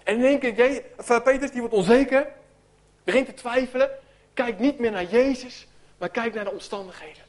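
Very high-voiced man preaching animatedly. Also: a little fast. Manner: animated storytelling, acts out voices, drops to near whisper. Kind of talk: sermon.

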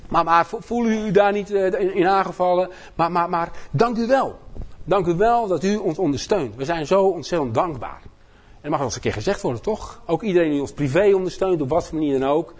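A man with a Dutch accent from the Netherlands preaches informally to a congregation in a folksy, joking, animated way, often repeating words as he goes. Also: high-pitched, brisk. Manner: folksy, joking, self-deprecating. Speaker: missionary speaker preaching at his home church.

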